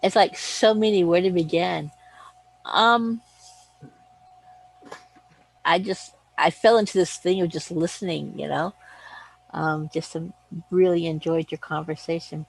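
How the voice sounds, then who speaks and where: A participant on a video call asks a question in a hesitant, halting way. The voice is gravelly and husky, with a middle pitch. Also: fairly even intonation, rough recording. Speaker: audience member asking a question. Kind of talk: casual question.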